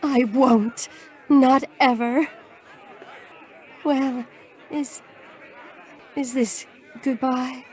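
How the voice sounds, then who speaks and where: An actress playing a fragile, lovelorn client in a noir audio drama, speaking in a halting, emotional, pleading way. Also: female voice, sits high, steady tone, mellow, a faint crowd. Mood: tearful gratitude. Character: fragile, lovelorn, sentimental woman client in distress.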